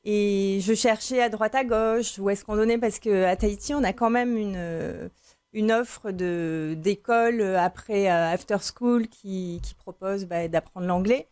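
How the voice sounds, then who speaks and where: A woman, a mother of three, speaking as a guest in a television interview, lively and talkative with many fillers. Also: medium pitch, unhurried, clear, resonant tone, dry recording, studio quality. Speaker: parent guest.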